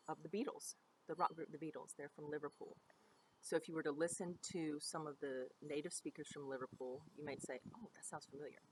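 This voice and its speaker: A woman's voice: low-pitched, slight background noise, low-quality recording. A middle-aged woman teaching a drama lesson in a chatty, explanatory way, with frequent ums and asides. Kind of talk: recorded online lesson.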